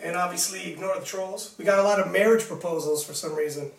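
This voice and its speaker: A young Canadian man hosts a casual live interview show, chatty, laughing often and using lots of fillers. His voice is high, quick and creaky. The mic sits far back, giving a roomy sound.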